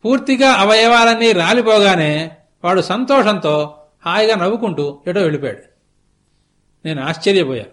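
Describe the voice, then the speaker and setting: High-voiced man telling a sacred story. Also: expressive, a bit bright. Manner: slow, deliberate storytelling with lots of repetition. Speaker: spiritual discourse speaker. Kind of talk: storytelling religious discourse. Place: television studio.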